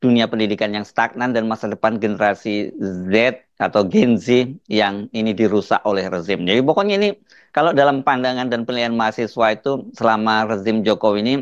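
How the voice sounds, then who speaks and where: Low-voiced man giving dry-sounding news commentary. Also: a little fast, dry recording. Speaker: commentator, host. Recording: slightly dull, dry close recording.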